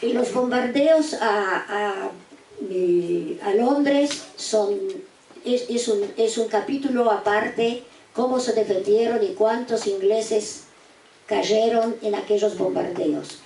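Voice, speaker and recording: A woman's voice: medium pitch, gravelly, dark tone. Elderly woman speaking from far off in an echoey hall. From eastern Poland. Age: 80s. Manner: slow, deliberate, with repeated restarts. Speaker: guest speaker giving survivor testimony. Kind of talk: spoken testimony to students. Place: university auditorium. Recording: echoey room, distant mic, faint noise.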